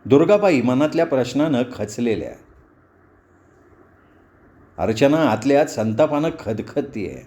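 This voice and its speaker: A man reading a novel aloud as a storyteller, measured and expressive. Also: medium pitch. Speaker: audiobook storyteller. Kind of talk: novel narration.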